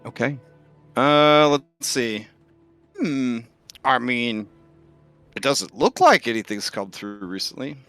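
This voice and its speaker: A man's voice: mid-range voice, lively intonation, slow pace, pauses often, a bit bright, soft background music. A man running a tabletop roleplaying game as game master, thinking aloud as he answers players.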